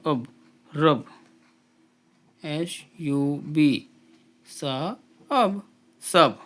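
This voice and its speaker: A man teaching an English phonics drill, spelling out letters and blending each sound slowly with repetition. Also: on the high side, animated, a bit bright. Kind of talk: slow phonics drill lesson.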